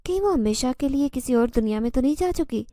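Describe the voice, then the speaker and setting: A woman's voice: sits high, animated, dark tone, no echo, clean studio sound. A woman storyteller giving a suspenseful, scripted narration of a horror story.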